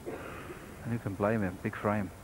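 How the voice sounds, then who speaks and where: A man's voice: lowish voice, steady tone, takes it slowly. A man commentating live on snooker, talking through the play in an analytical, conversational way. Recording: noisy broadcast background.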